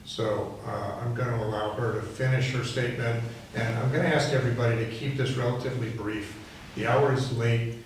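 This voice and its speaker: Sex: man. Role: presiding officer. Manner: measured, formal. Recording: distant mic, very echoey room, steady background noise. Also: medium pitch. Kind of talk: chairing a public hearing. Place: township meeting room. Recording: echoey hall from far off with clear noise.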